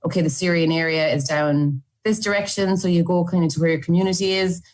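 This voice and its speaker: A woman's voice: fairly low pitch, fairly even intonation, fast, a little mellow. An Irish woman, an aid volunteer, recalling events in a chatty, run-on documentary interview. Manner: chatty, run-on storytelling with fillers.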